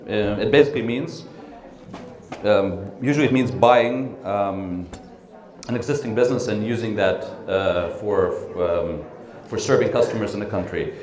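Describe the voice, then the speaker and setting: A man's voice: lowish voice, moderate pace. Man lecturing in an echoey room. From born in Russia, raised in the United States and the Netherlands. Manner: relaxed, frequent ums and uhs, asks "right?" often. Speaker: training speaker. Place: conference room.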